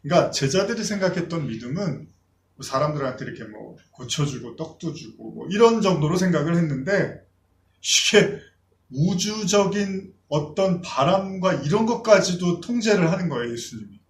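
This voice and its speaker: A man's voice: on the high side, lively intonation, moderate pace, reverberant. A man preaching a sermon as a pastor, talking to his congregation in a conversational way and acting out the voices of people he quotes.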